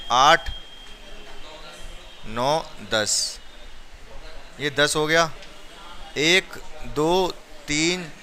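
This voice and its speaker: A man's voice: high voice, sharp tone, a little hiss or hum. A male maths teacher teaching a class step by step, counting aloud and urging his students. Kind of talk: classroom lesson.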